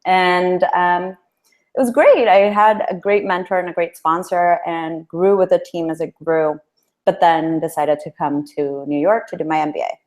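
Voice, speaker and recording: Interview guest, woman from El Salvador, friendly and chatty, low voice. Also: steady tone, normal speed, a little mellow. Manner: friendly, chatty, with small laughs. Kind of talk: interview answers.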